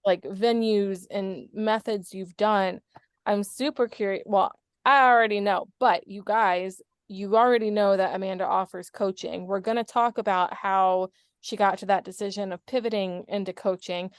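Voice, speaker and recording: A woman's voice: mid-range voice, fairly even intonation, moderate pace, smooth, dry recording, clean studio sound. A woman hosting a podcast, chatting casually and leading into the next segment. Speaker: podcast host.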